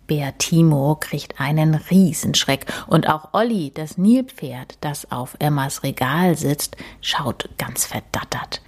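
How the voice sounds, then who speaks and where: Slow breathy woman reading a storybook. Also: low-pitched. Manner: gentle and expressive.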